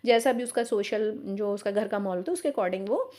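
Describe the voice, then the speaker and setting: A woman's voice: medium pitch, animated, a little fast, dark tone. A woman teacher giving an exam-prep lecture, explaining step by step and often asking and answering her own questions.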